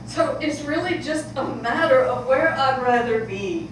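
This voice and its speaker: A woman acting the part of a weary adult daughter in a stage play, speaking in a calm, measured, resigned way. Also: sits high. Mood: resolute. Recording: echoey hall from far off, background noise.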